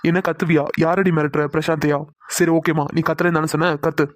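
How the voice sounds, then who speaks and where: A woman's voice: deep voice, little pitch movement, fast talker, dry recording, lightly acted. A woman doing a teasing young male boss. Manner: playful, teasing, bossy. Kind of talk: cartoon voice acting.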